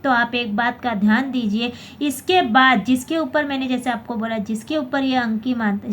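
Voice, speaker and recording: A woman's voice: high voice, fairly bright tone. A woman teaching a basic grammar lesson, often asking "theek hai" and correcting her own slips. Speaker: Hindi teacher.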